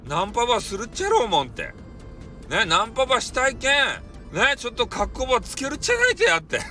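A man with a Hakata dialect accent chatting casually on his own stream, teasing and jumping in pitch. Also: huge pitch swings, pushed and bright, faint music behind. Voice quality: teasing, jumpy pitch, drawn-out dialect vowels. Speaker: audio streamer. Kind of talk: casual chat monologue.

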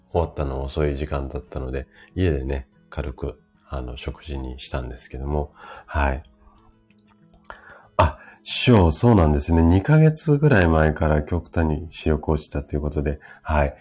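A man in his fifties with a rough, hoarse voice, chatting casually as host of a live stream and explaining things to his listeners. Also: extremely low pitch, moderate pace, darkish tone, faint music behind. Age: 50s. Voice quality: gravelly, rough voice from drinking the night before.

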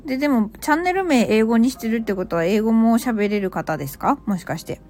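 A woman's voice: a little high, a little fast, darkish tone, faint music behind. A woman who teaches English at a cram school, chatting casually on a live stream and reacting to listener comments with small laughs.

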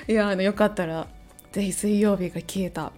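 A woman's voice: mid-range voice, a little mellow. Hungover woman chatting casually over music. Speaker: host, amateur-facing musician and songwriter. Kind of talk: casual solo chat to listeners.

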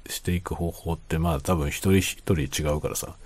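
A man chatting casually in a quiet late-night monologue, musing and circling back over his own phrases. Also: moderate pace, slight background noise. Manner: quiet, low-voiced night-time talking. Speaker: host of a solo talk show.

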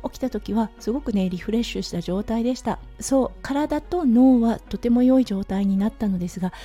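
A woman with a hoarse, slightly raspy voice from overuse, chatting through a casual solo audio diary as a host. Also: on the high side, brisk, mellow. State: hoarse from overuse, sore throat. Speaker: podcast host, anaesthetic nurse. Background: background music.

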